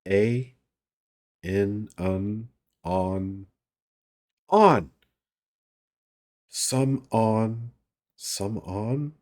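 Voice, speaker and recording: A man's voice: fairly low pitch, very slow, pauses often, darkish tone, pitched above the performer's own voice. A man voicing an earnest, simple young male watchman who guesses eagerly and sounds puzzled, in a read-aloud story. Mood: eager guessing.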